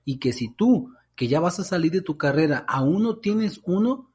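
A man's voice: fairly high pitch, animated, moderate pace, a little mellow, husky. A young adult man with a Mexican accent co-hosting a podcast in casual, slangy talk. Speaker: podcast co-host.

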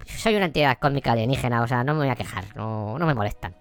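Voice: mid-range voice, quick pace, creaky, clear, resonant tone, dry recording, lightly acted. A comic performer voicing a shifty alien cosmic entity with a fluty, sinister voice, chatting colloquially in a mock interview. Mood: defensive, chatty. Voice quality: fluty, sinister helium-tinged voice. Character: whiny alien cosmic entity in a sewer cavern, parody of a child-luring horror clown. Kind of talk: improvised mock interview comedy.

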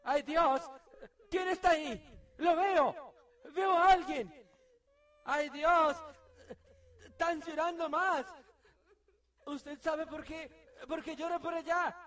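An actor playing a frightened man lost in the dark, fretful and repeating himself, rising into panicked shouts, in an amateur audio drama. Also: sits high, lively intonation, takes it slowly, pauses often, far from the mic.

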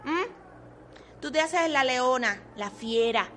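A woman's voice: sits high, expressive, takes it slowly, a bit bright, slight background noise, full character voice. A cheeky, defiant teenage girl.

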